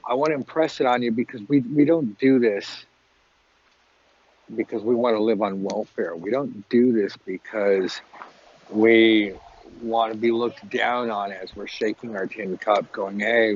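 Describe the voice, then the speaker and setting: A man's voice: fairly low pitch, unhurried. A man hosting a podcast outdoors at a beach, chatting casually in a rambling, joking, informal way with wind on the mic. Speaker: podcast host and tarot teacher. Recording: dull lo-fi audio, wind on mic. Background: wind noise.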